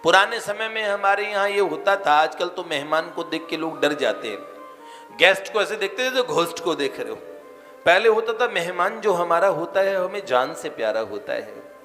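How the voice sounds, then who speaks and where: A man telling a devotional story as a sermon, animated and acting out voices. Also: sits high, normal speed. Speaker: spiritual storyteller. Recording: reverberant hall, faint music behind.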